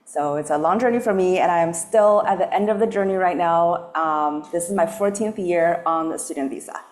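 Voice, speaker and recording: A woman in her thirties introducing herself on a panel in a measured, matter-of-fact way. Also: lowish voice, darkish tone. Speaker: panelist, alumna.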